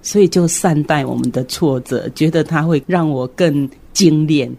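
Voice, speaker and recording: An older woman with a Taiwanese Mandarin accent, a retired kindergarten principal and teacher, speaks as an interview guest, sharing personal thoughts and good wishes earnestly and encouragingly. Her low, dark-toned voice moves at normal speed, with background music under it and slight background noise.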